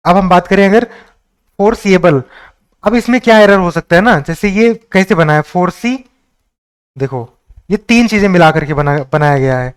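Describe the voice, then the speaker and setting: A man from India teaches spelling for competitive exams in a patient, explaining manner. His voice sits high for a man and sounds smooth and clear. He mixes English terms into his talk and spells words out letter by letter. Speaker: English teacher for exam prep. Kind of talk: online exam-prep lesson.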